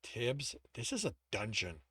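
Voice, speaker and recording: A man's voice: fairly high pitch, wildly swooping pitch, moderate pace, no echo. A man reading aloud, voicing a skeptical male sorcerer who speaks with open exasperation. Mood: exasperated. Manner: exasperated, incredulous.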